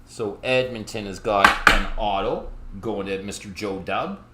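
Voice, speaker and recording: Breaker opening hockey packs live, slow chatty delivery, teases the viewers, roomy echo. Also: sits low, steady tone, noisy background. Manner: chatty, teasing viewers by name. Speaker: card break host. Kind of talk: live card break commentary. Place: card shop.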